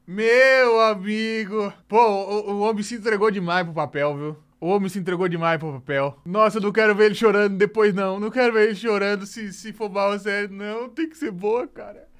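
A man's voice: sits high, brisk, few pauses. A young man with a Brazilian Portuguese accent, streaming a rambling, exclamatory reaction to a trailer. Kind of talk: casual reaction commentary.

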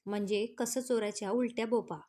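A feisty young wife from a storybook romance who scolds and teases with a quick tongue, as a woman reader voices her. Her voice sits a bit high. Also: fairly even intonation, dark tone, natural voice. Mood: scolding. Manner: scolding, teasing.

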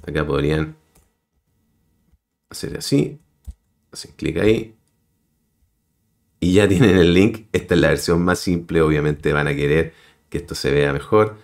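A man with a bass voice narrates a screen-recorded web tutorial at a measured pace, pausing often. The host guides viewers step by step, speaking to them directly in a voice-over.

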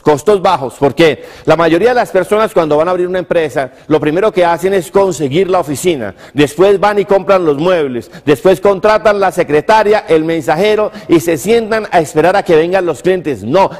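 A man's voice: fairly high pitch, darkish tone. A Colombian man in his fifties giving an emphatic motivational business lecture to camera, teaching through rhetorical questions and repeated phrases. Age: 50s. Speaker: motivational speaker and TV presenter. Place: living-room style TV studio set, indoors. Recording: reverberant echoey room.

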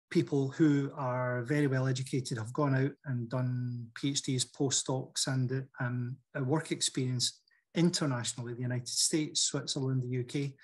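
A man from outside France speaking on a business panel in a measured, explanatory way, with frequent fillers. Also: medium pitch, slightly rough. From not from France. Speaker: roundtable panelist, company leader. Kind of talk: panel discussion.

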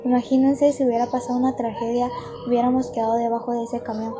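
A vlogger with a slightly high voice talks fast in a level tone, sharing a personal story straight to her viewers. She sounds chatty and earnest, with background music playing behind her.

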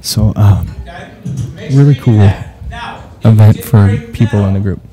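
A man's voice: on the low side, a little slow, a crowd in the background. Chatty male podcast host at a banquet. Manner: upbeat, chatty, lots of fillers. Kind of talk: casual chat. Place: banquet hall at a running club dinner.

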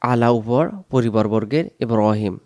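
Bangladeshi male recitation teacher, smooth clear voice, close dry mic; quick explanations, slow drawn-out chanting. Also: mid-range voice, steady tone, darkish tone, no room sound. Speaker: religious pronunciation teacher. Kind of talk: recitation lesson.

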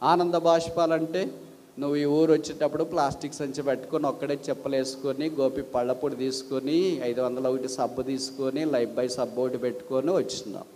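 Preacher in a reverberant hall. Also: male voice, mid-range voice, steady tone, a little fast, dark tone. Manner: preaching with rhetorical questions and homely examples; switches briefly into English glosses. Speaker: pastor. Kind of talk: sermon.

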